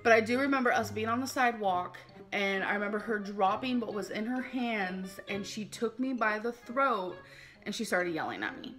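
A woman's voice: medium pitch, animated, normal speed, music in the background. Rambling woman livestreamer. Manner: rambling, heavy use of filler "like". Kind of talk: casual livestream talk.

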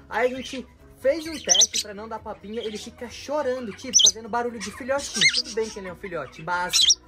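Man, vlog host, chatty, baby talk for birds, animated pitch, background music. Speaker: bird keeper and vlog host. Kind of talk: casual vlog tour of his aviaries. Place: outdoors among bird enclosures.

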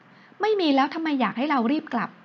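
A teasing young man who likes to needle and play innocent, voiced by a woman reading an audio novel. The voice sits fairly high and sounds dull and lo-fi. He drifts between probing questions and an exaggerated sugary sweetness. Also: lively intonation, normal speed. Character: teasing, playful young man, the heroine's close friend.

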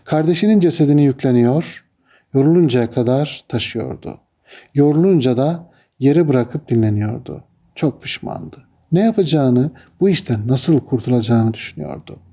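A man tells an old religious story in a measured, solemn way. His voice sits at a middling pitch and sounds warm and relaxed. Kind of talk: narrating a religious tale.

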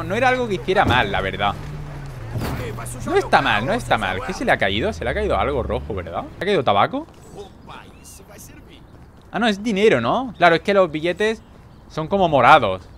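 Lively Spanish-accented gaming commentator. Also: male voice, mid-range voice, slight background noise. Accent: Spain Spanish. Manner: animated and joking, with sudden loud outbursts. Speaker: gaming video creator. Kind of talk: gameplay commentary.

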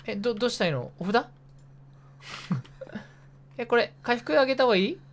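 A man's voice: extremely high pitch, animated. A man streaming a horror game, chatting to himself and yelping with sudden, repeated startled exclamations. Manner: jumpy, easily startled, yelps and rapid repeated exclamations; chatty self-talk narrating his moves. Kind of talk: casual horror game commentary.

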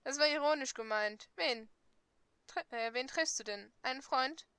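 A woman's voice: high voice, moderate pace, fairly bright tone, smooth, no echo. A woman voicing a cocky, brusque teenage boy from a dating game, teasing and curt.

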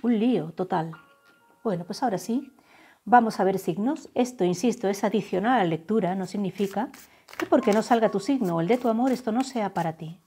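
Soft-spoken woman reading tarot, warm and breathy. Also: mid-range voice. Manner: slow, soft, drawn-out channeled phrases. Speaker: tarot reader. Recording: faint background music.

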